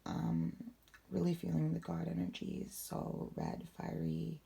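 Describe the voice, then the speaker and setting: A young woman speaks quietly and low in a casual vlog, her raspy voice heavily gravelly and husky. Her tone is mellow, yet her pitch moves in a lively way as she rambles along with plenty of fillers. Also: measured pace. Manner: talking low and quiet late at night. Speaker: vlogger. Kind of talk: casual spiritual how-to vlog.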